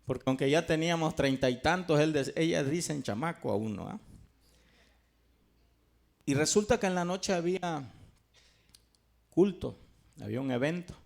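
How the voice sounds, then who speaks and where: Fervent, gravelly man's testimony. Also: fairly high pitch, lively intonation, darkish tone. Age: middle-aged. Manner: earnest, fervent, pauses and restarts. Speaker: church member giving testimony. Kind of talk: personal church testimony.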